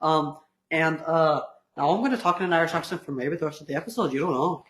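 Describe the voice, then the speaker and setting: A man's voice: fairly high pitch, fast talker, a bit bright, roomy sound, rough recording. A teenage boy co-hosting a podcast, chatting casually and teasing his friend, with lots of "um" and "like". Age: teens. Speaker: podcast co-host. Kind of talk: casual chat.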